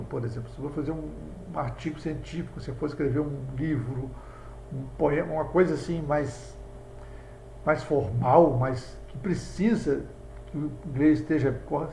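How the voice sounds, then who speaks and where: A man's voice: on the high side, gravelly, a little mellow. A man with a Brazilian Portuguese accent, teaching English in a video lesson and walking students through examples. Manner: explanatory, talks students through examples on a board. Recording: echoey room with faint background hum.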